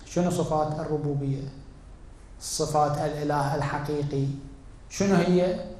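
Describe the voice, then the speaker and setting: Male cleric lecturer, measured, self-questioning delivery with sharp swings between loud emphasis and quiet; heavy hall reverb. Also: on the high side, fairly even intonation, slight background noise. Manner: deliberate, halting, asks and answers own questions; swings between raised emphatic and hushed tones. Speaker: cleric teaching Quran exegesis. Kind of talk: religious lecture. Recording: very echoey hall.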